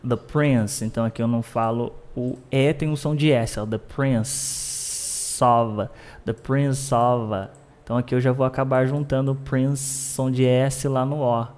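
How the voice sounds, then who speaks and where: A man teaching English pronunciation in a lesson. He explains in short bursts and repeats English phrases slowly, several times over. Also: mid-range voice, flat delivery, a little mellow.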